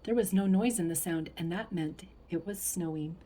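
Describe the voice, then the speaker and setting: A woman voicing a warm, unhurried elderly grandmother in a read-aloud storybook, speaking in a gentle, instructive way. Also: on the low side, husky. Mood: calm. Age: older. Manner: gentle and instructive, softly affectionate.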